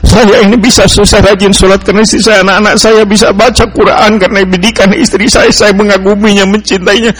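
A man voicing a distraught middle-aged engineer who pours out his grief through tears, in a higher, strained voice. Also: slightly rough, low-quality recording.

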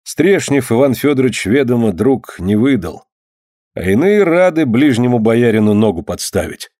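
A man's voice: medium pitch, sing-song, normal speed, warm tone, no room sound, studio quality, lightly acted. A man reading the part of a proud old-Russian boyar in an audiobook, speaking in a grave, archaic, indignant way. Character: proud, angry middle-aged old-Russian boyar lord.

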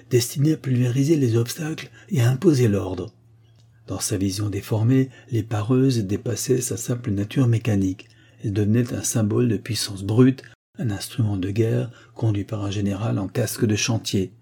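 A male audiobook narrator reading in a measured, expressive way. His voice is low and slightly husky, with a dark, mellow color. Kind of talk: scripted narration.

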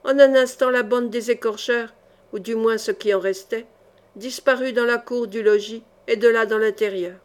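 A woman's voice: fairly high pitch, fairly even intonation, normal speed. Woman reading a swashbuckling novel aloud. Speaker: audiobook reader.

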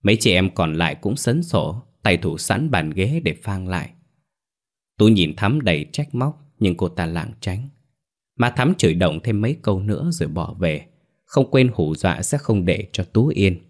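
Low-voiced male storyteller. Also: very animated, normal speed. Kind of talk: ghost story audiobook narration.

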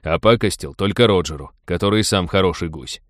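A man reading as a gruff, defensive male pilot who grumbles reproachfully. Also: low voice, brisk, no room sound, clean studio sound, lightly acted. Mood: grumbling.

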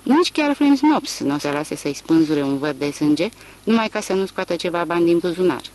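An audiobook reader voicing a gruff rural man who talks in a rough, brusque way. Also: mid-range voice, lively intonation, a little mellow, slight background noise, close to an everyday voice, low-quality recording.

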